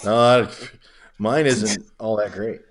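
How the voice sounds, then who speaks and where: A man's voice: on the low side, takes it slowly. A man playing a trivia game, wry and self-deprecating in casual banter. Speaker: quiz player.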